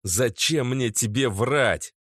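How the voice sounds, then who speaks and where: A man's voice: medium pitch, slow pace, a bit bright, no echo, clean studio sound, voice pushed up. A man playing an anxious pleading young man. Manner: hesitant, earnest, pleading.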